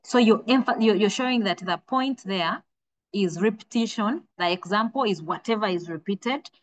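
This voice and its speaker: A woman teaching a literature revision lesson, earnest and steady, often repeating a word while she thinks and drawing key words out slowly. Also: mid-range voice, slight background noise. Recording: dull lo-fi recording.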